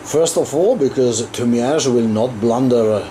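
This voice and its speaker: A man who is not a native English speaker, hosting an unscripted wargame battle report in a halting, hesitant way with frequent pauses. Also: medium pitch. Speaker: host of a wargaming channel. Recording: clear steady background room noise.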